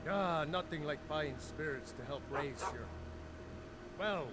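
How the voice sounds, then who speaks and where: A jovial, friendly reveller from a fantasy video game, acted by a man. He speaks hospitably in a fairly high male voice. Music plays clearly behind him. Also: a little slow, lightly acted. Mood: merry. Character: merry, friendly male reveller offering mead to travellers. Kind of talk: video game character acting.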